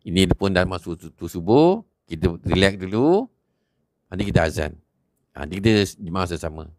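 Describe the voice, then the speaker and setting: Man voicing a gentle old prayer caller. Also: low voice, normal speed, slight background noise, voice pushed down. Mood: calming. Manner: soft, calming, pleading. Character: patient older village prayer caller, gentle and humble.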